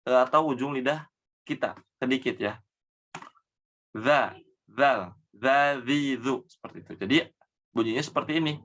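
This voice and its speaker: A man teaching Quran recitation rules, explaining each mistake, then reciting the words slowly and drawn out, dropping softly at the ends of phrases. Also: mid-range voice, highs cut off. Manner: trails off softly after each example. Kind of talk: tajwid lesson with slow demonstration recitation.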